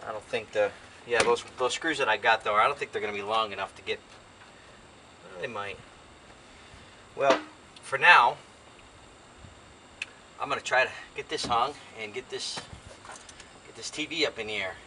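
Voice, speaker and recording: An older American DIY vlogger with a mid-range voice talks at normal speed, pausing often, as he rambles folksily to himself while working inside an open cargo van by a garage outdoors. The camera mic sits a few feet off, so the recording is distant, with loud noise and clicks.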